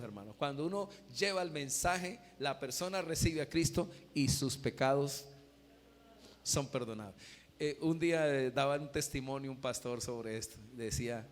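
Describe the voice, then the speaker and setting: A man preaches a sermon. He has a fairly high voice for a man. He shifts from loud, rising proclamations to quiet, conversational storytelling, and the sound rings with long church-hall reverb. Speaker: pastor.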